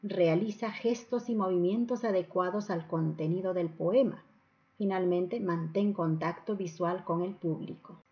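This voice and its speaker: A woman's voice: lowish voice, measured pace, dark tone. A woman narrating an instructional lesson as a teacher, enunciating didactically and stressing each point. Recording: dull lo-fi voice-over.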